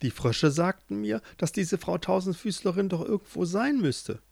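A man's voice: sits high, very animated, moderate pace, creaky, darkish tone, no room sound, voice pushed up, heavily acted. A man doing a desperate, earnest young suitor. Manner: anxious, pleading, earnest. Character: desperate young man searching for his love.

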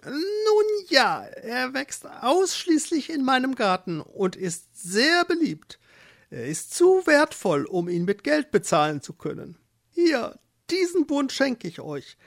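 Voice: high-pitched, sing-song, slow pace, creaky, voice pushed up, exaggerated voice. A narrator putting on a coy old herb witch.

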